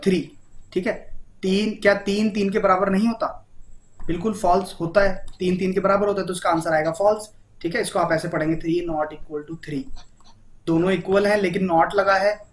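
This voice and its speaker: A man with an Indian accent teaching a programming lesson in a casual, chatty way, often checking in with his listener and mixing English terms into his talk. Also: high-pitched. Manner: repeats "ठीक है?" and mixes English terms into Hindi. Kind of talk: casual Hindi coding lesson.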